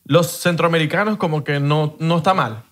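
A man's voice: fairly high pitch, moderate pace, a bit bright. A man from Venezuela with a Venezuelan accent, co-hosting a podcast in playful, slang-filled casual chat. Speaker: podcast co-host.

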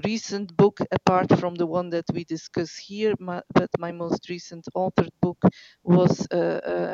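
A gravelly, flat-voiced middle-aged woman. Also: lowish voice, no room sound, dull audio. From northeast Belgium. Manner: hesitant, with many fillers. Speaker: professor, interview guest. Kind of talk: casual interview answers.

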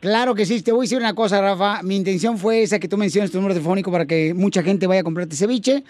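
A man's voice: sits high, quick pace, a little mellow, no echo. A man hosting a morning radio show, joking and affectionate with callers. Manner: joking, affectionate, calls people campeón and mija. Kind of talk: playful morning radio banter.

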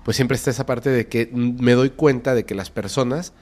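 A man with a Mexican accent tells a frightening personal story on a podcast. His voice sits at an ordinary middle pitch. He shifts between hushed whispers and sudden loud emphasis for drama. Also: steady tone, normal speed. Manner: dramatic, drops to whispers and bursts of loudness. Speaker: podcast guest.

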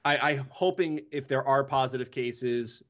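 A man's voice: medium pitch, moderate pace, a bit bright, lo-fi sound. A man hosting a hockey podcast in casual chat, often correcting himself mid-sentence. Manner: rambling, self-correcting.

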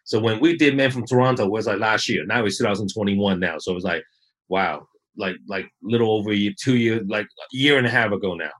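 A man speaks as a guest in a relaxed interview, rambling and filling his talk with lots of "you know." His voice sits somewhat low. He sounds easygoing and unhurried as he tells his stories. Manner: relaxed, rambling, many fillers. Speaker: guest, photographer. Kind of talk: casual interview.

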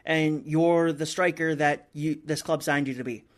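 A man's voice: fairly high pitch, fairly even intonation, moderate pace. A man hosting a soccer talk show on sports radio, in a conversational broadcast style.

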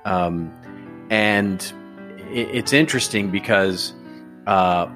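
A very deep-voiced man with a Texan accent talks casually on a podcast, wandering through his thoughts with plenty of ums and restarts. Faint guitar music plays underneath. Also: takes it slowly, a bit bright. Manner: rambling, hesitant with many fillers. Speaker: regular guest, strategy advisor.

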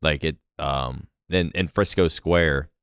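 Podcast co-host, male, very low and smooth voice, laid-back joker, dry mic. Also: takes it slowly, fairly bright tone, no echo. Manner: laid-back, joking, swears casually. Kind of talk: casual chat.

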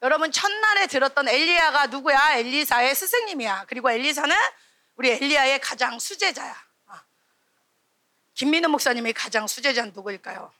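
A young woman preaching a lively sermon to children at a church camp, telling stories and acting out the children's voices. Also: high voice, brisk.

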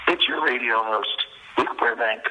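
A radio host with laryngitis, hoarse and halting, leaving a rambling voicemail message that is played back over the phone. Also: male voice, medium pitch, bright, forceful tone, slight background noise, low-quality recording.

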